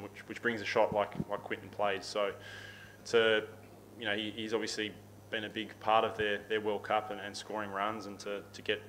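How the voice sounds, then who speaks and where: A man in his thirties with an Australian accent, answering questions at a post-match press conference, steady and repeating words as he thinks. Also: lowish voice, slight background noise, low-quality recording. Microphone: table microphone.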